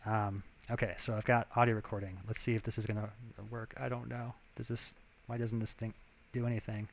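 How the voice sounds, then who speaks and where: A man's voice: on the low side, level tone, fairly quick, lo-fi sound, slight background noise. A man, a game developer, chatting casually and thinking aloud as he walks viewers through his work on a live stream.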